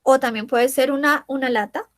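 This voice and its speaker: Female teacher, high voice, unhurried, repeats and translates each word, dry close mic. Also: steady tone, no room sound. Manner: repeats words slowly, translating each one. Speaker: French teacher. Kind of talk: bilingual language lesson.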